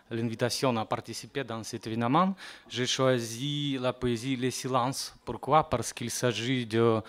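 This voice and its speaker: A man from Moldova with a Russian accent, whose first language is Russian, reading poems aloud at a poetry evening in a library café in a halting, self-deprecating way. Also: medium pitch. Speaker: guest reader.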